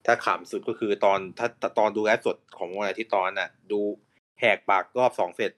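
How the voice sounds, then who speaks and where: Low-voiced guy hosting a voice call chat, dry and chill. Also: fairly even intonation, fast, fairly bright tone. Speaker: podcast host. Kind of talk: casual chat.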